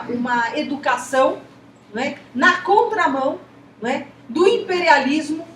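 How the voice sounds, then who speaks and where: A Brazilian Portuguese-accented woman lectures a class with a high voice, often pausing on rhetorical "isn't it?" questions. She is recorded from a distance in an echoey room, with faint noise behind her. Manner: talkative, repeats rhetorical questions. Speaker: teacher.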